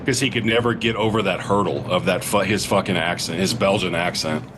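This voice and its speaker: A low-pitched man talks fairly quickly over background noise as a podcast co-host reviewing an action movie. He's animated and profane, swearing freely and mocking himself in a casual chat.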